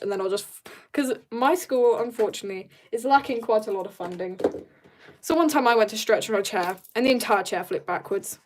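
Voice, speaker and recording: A young woman, likely a teen or young adult, draws and chats on a livestream in a casual, giggly ramble full of slang and side comments. Her voice is mid-range and a little mellow.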